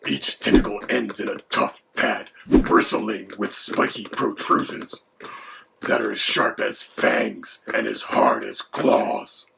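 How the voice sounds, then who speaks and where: A man voicing a menacing male dragon who co-hosts, with a gravelly, whispery voice. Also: sits low, big pitch swings, takes it slowly, full character voice. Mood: matter-of-fact. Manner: mock-menacing, then lecturing in turn with the host. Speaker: co-host. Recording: background noise.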